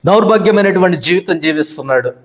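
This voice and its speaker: Man, middle-aged pastor, high voice, emphatic sermon, repetitive lists. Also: expressive, quick pace. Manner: emphatic preaching with long repeated lists and quoted voices of wives.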